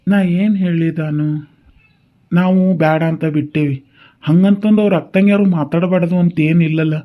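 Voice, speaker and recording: A man voicing a mild middle-aged father in a cartoon, calmly calming the family in a North Karnataka Kannada accent. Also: a little high, normal speed, narrow, tinny audio, natural voice. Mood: placating. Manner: calm, placating.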